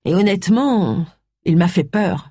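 Un lecteur de livre audio prête sa voix à une détective d'une cinquantaine d'années, nerveuse et prompte à s'emporter. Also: female voice, lowish voice, animated, unhurried, warm tone, breathy edge, dry recording, clean studio sound, voice pushed up. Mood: tendue. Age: 50s. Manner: tense, emotional outbursts. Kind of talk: audiobook character voice.

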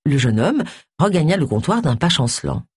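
An audiobook narrator giving an expressive reading of a novel on a close studio mic. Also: mid-range voice, normal speed, creaky, slightly rough, no echo.

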